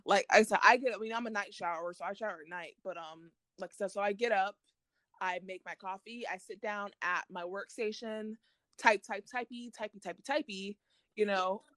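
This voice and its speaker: A woman's voice: mid-range voice, fairly even intonation, brisk, a bit bright, dry recording, studio quality. A woman chatting casually at home as a podcast co-host, laid-back and laughing often. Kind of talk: casual chat.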